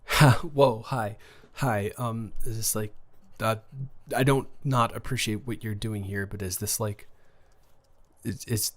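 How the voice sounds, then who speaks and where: A man's voice: lowish voice, fairly even intonation, unhurried. A man performing a romantic audio role-play as an anxious, shy new boy at school who stammers and restarts his sentences nervously.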